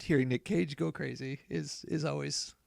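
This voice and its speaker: Creaky, higher-voiced male podcast host. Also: fairly even intonation, normal speed, a little mellow, no echo. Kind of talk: casual podcast chat.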